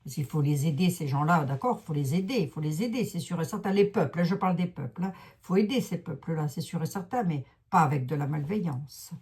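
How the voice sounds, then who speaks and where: A woman's voice: deep voice, brisk, hardly any pauses, darkish tone, breathy edge. A woman with a Lorraine accent reading tarot cards in a chatty, self-mocking way, talking to her viewers. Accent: Lorraine French. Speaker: psychic card reader. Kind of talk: casual card-reading livestream.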